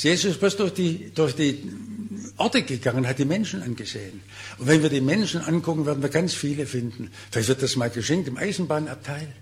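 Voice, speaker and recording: Earnest older man preaching a sermon. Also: a little high. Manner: earnest, exhorting, voice rising and falling sharply; slows down when reading scripture.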